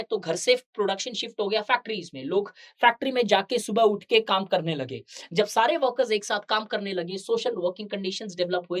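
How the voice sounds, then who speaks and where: Woman lecturing, stressing key terms. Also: mid-range voice. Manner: explains in Hinglish, often slowing to stress key terms; asks rhetorical questions to the students. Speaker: teacher. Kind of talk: exam-prep lecture.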